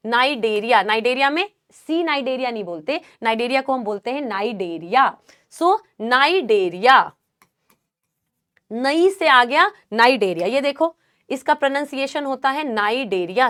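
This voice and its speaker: A woman biology teacher, lecturing a class and drilling a memory trick through slow repetition. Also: fairly high pitch, a bit bright. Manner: slow drilling repetition, addresses students as beta.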